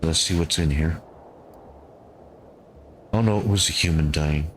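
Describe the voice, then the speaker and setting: A man giving calm gameplay commentary, thinking aloud and talking to his squad as he plays. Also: extremely low pitch, a little slow, slight background noise. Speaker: gameplay streamer.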